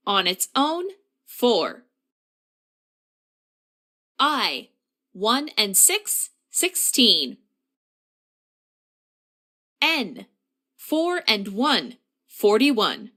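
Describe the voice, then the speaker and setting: A woman with a high, bright voice calls bingo numbers very slowly and deliberately. Her pitch swings in a lively way as she delivers each call in the set phrasing of a bingo caller.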